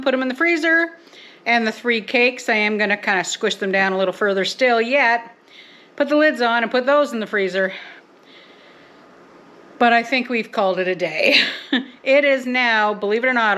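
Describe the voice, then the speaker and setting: A woman's voice: on the high side, fairly bright tone, slight background noise. A woman from Canada chatting casually to viewers as she cooks in her home kitchen, with a giggly manner. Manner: chatty, giggly, talks to viewers while working. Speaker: homestead vlogger. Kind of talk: casual cooking vlog.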